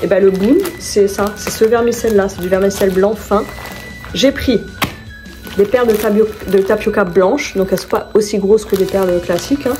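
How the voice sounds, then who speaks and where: At home, a chatty vlogger shows off her shopping haul in a relaxed, mellow, medium-pitched voice at a normal pace. She rambles and corrects herself along the way while soft music plays quietly in the background.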